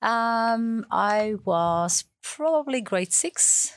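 A woman from Iraq in her thirties, a teacher answering questions on a school radio show, speaking warmly and hesitantly with many fillers. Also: a little high, animated, extremely slow, no echo. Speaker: teacher being interviewed.

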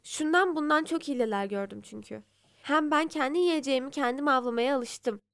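A woman's voice: high-pitched, moderate pace. A woman voicing a furious, boastful male lion king in a storybook fable. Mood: wary. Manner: roaring, boastful.

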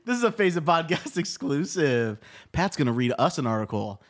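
A man's voice: a little high, sing-song, normal speed. A man co-hosting a comedy podcast, joking around and reading posts aloud to his co-hosts. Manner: joking, reads posts aloud, breaks into laughter. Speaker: podcast co-host. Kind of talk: casual comedic banter.

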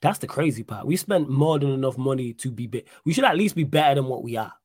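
A man's voice: medium pitch, animated, quick pace, a little mellow, breathy edge, dry recording. Give this man a London roadman accent and plenty of street slang. He hosts a live football podcast in a casual, chatty way. The sound is dry, with very little room on it. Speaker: podcast host.

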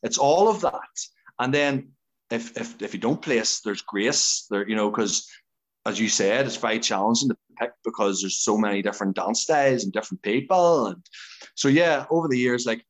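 An Irish-accented man chats as a podcast guest in a medium-pitched voice. He talks informally and with emphasis, often repeating words as he builds up a point. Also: normal speed, rough recording. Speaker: podcast guest, competitive dancer. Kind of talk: casual conversational interview.

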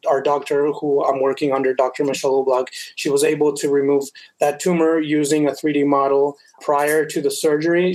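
A man's voice: medium pitch, a little mellow, rough recording. A man in his twenties from Colombia, a veterinary student guest speaking earnestly with many fillers and restarts. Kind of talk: casual interview.

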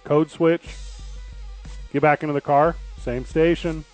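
A man's voice: a little high, fairly even intonation, unhurried, darkish tone, faint music behind, rough recording. A man hosting a sports radio show in casual, conversational talk, often repeating and rephrasing as he builds a point.

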